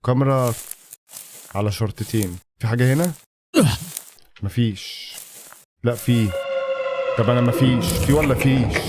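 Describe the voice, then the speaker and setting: A man's voice: mid-range voice, background noise. A man with an Egyptian Arabic accent, talking nervously to himself while playing a horror game for his channel. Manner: jumpy, talks to himself, nervous mutterings. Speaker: gaming channel host. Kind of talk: horror game let's-play commentary.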